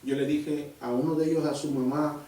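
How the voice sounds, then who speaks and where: Animated preacher in a very echoey hall. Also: male voice, fairly high pitch, normal speed. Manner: emphatic and animated, often dropping to a hushed voice. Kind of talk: sermon with personal testimony. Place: church. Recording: very echoey church hall from far off.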